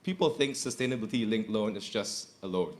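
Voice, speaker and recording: An Indonesian man in his 30s speaks earnestly as a corporate executive in a panel discussion, repeating phrases for emphasis. His voice is lowish and a little mellow, and he talks briskly.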